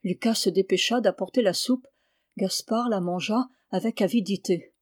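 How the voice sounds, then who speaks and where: Woman reading a novel, calm, dry studio sound. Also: medium pitch, normal speed, no echo. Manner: calm, names each speaker before lines. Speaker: reader. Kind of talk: audiobook reading of a classic novel.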